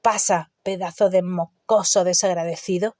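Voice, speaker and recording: Hagrid, a woman voicing a gruff, growling giant. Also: lowish voice, steady tone, normal speed, a little mellow, no echo, clean studio sound, close to an everyday voice. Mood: grumbling. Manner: growling, roaring, grumbling. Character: huge gruff half-giant gamekeeper man. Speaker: audiobook character.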